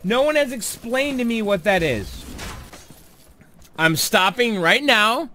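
High, lively man swearing at a game. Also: takes it slowly, slight background noise. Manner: frequent swearing outbursts, yelling at the game; talks to viewers as "guys". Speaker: gamer streamer. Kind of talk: let's play commentary.

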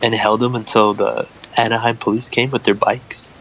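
A man's voice: mid-range voice, little pitch movement, moderate pace, a bit bright, slight background noise, low-quality recording. A man casually telling friends a rambling, profane story, with many restarts.

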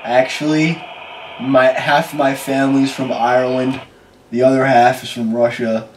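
A man's voice: medium pitch, flat delivery, a little slow. A young American man bantering casually with a friend, teasing and playing dumb. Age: young adult. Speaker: contestant in a pronunciation challenge. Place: small bedroom. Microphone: camera a few feet away. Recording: roomy, distant mic with clear background noise.

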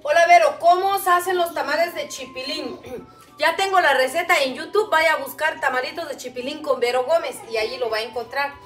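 A high-pitched woman from Guatemala, first language Chuj, chatting warmly with viewers as she hosts a cooking livestream. She talks into a camera set a little way off. The sound is roomy and echoey, with faint music behind her. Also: a little fast. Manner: warm, chatty, calls viewers "mamita". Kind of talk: casual livestream chat reading viewer comments. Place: home kitchen, indoors. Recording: echoey kitchen, distant mic.

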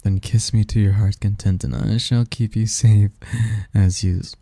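Playing a possessive male demon lover for romantic ASMR, this man sounds tender and affectionate, mixing teasing tenderness with old-world courtliness. His voice is low, very mellow and creakily gravelly, steady at a normal pace, on a dry recording.

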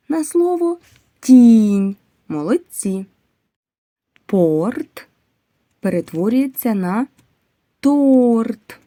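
A woman teaching preschoolers in a video lesson, asking questions slowly with careful enunciation and praising the answers. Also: lowish voice, warm tone, slightly rough, no room sound. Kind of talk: video lesson for young children.

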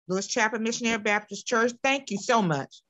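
Bright woman on a lo-fi call. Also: on the high side, a little fast. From North Carolina. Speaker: workshop participant. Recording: lo-fi video call audio.

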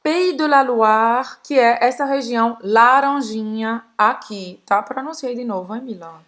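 A woman's voice: on the high side, a little slow, fairly bright tone. A woman with a Brazilian Portuguese accent hosting a casual language lesson, explaining things chattily and checking in with her listeners. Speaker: host, language teacher. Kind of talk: casual teaching chat.

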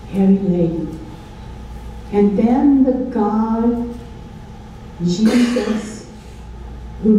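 A woman's voice: mid-range voice, mellow, a little hiss or hum. An older woman teaching a Bible study sermon from a lectern with a handheld mic, asking the audience questions and preaching emphatically. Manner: call-and-response questions, emphatic. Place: large dark stage at a lectern. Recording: echoey hall, from far off, faint ambience.

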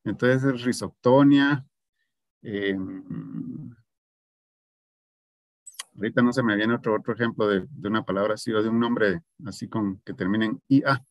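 A man's voice: lowish voice, fairly even intonation, moderate pace, long pauses, dry recording. Man lecturing an online class, dry sound. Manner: explanatory, checks with "¿verdad?". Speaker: agronomy instructor.

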